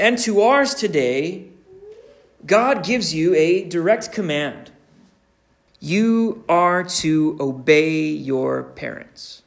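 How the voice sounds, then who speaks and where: A man preaching a sermon slowly and deliberately, often restarting his phrases. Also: fairly high pitch, fairly bright tone. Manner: slow, deliberate, with frequent restarts.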